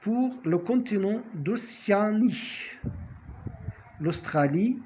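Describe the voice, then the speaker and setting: A man teaching a French lesson, speaking deliberately, repeating words and correcting himself with fillers. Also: high voice, expressive, a little mellow, slight background noise. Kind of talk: language lesson.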